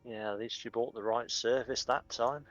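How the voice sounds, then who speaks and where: A man's voice: medium pitch, steady tone, moderate pace, muffled recording, soft background music. A man chatting on a stream with a friend, making dry teasing remarks. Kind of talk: casual chat.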